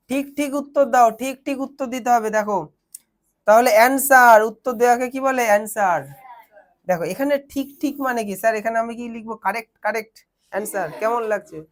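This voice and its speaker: A young woman teaches children translation, patiently asking questions and answering them herself. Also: fairly high pitch. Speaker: tutor.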